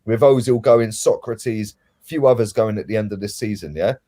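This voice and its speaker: A man's voice: fairly low pitch, normal speed, mellow. A man giving an opinionated football rant as a fan pundit, blunt, emphatic and colloquial.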